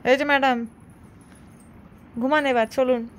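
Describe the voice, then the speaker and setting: High-voiced mother scolding at bedtime. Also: steady tone, unhurried. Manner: scolding, coaxing a child to sleep. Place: home bedroom at night. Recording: home recording with background noise.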